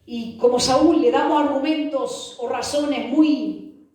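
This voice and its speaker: High-voiced woman preaching in echoey hall. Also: fairly even intonation, takes it slowly, warm tone. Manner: fervent, repeating rhetorical questions. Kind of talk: sermon. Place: church hall. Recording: echoey church hall from far off.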